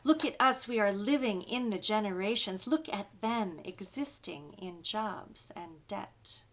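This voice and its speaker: A woman pastor giving a sermon and reading poetry aloud, in a slow, rhythmic, incantatory delivery built on repeated refrains. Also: medium pitch, lively intonation, a bit bright.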